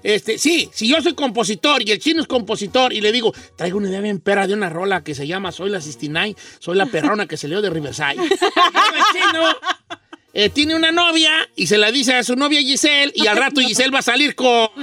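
A man's voice: sits high, expressive, brisk, bright, forceful tone, distant mic, exaggerated voice. A man playing a cheeky older Mexican radio host with a Mexican accent, joking and teasing callers. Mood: bantering. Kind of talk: comic radio call-in chat. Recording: off-mic with faint music.

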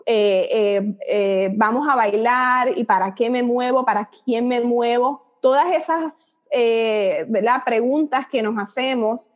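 A woman's voice: a little high, slow. A middle-aged Puerto Rican woman, a psychologist guest, explaining her ideas in a reflective, conversational way with little fillers. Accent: Puerto Rican Spanish. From Puerto Rico. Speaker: guest, psychologist and dance method creator. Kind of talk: conversational interview. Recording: dull lo-fi audio.

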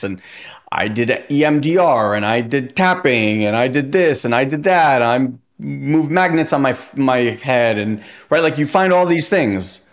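Man, podcast host, casual chatty talk, lots of "like", acts out quotes. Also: mid-range voice.

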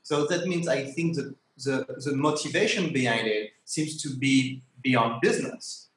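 A man hosting a conversational interview, haltingly rephrasing as he goes. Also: medium pitch, a bit bright. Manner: halting, rephrases questions repeatedly. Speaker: interview host. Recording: echoey, roomy sound.

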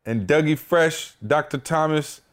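A man's voice: on the high side, a little slow. Playful young man hosting a podcast. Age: young adult. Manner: playful, slangy, teasing. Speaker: podcast host. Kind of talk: casual chat.

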